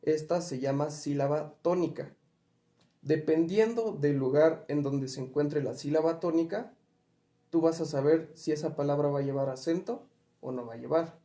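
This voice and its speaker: A man's voice: fairly high pitch, moderate pace, mellow. Patient man explaining rules, echoey room. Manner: asks questions and gives examples. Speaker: teacher explaining spelling rules. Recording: roomy echo.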